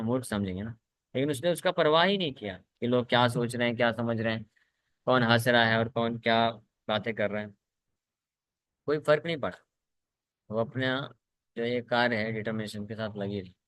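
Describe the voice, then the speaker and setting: A man giving a scripture lecture, reading English passages very slowly and then explaining them in Hindi, repeating key phrases as he goes. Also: mid-range voice, fairly bright tone, dry recording, low-quality recording. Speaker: spiritual teacher.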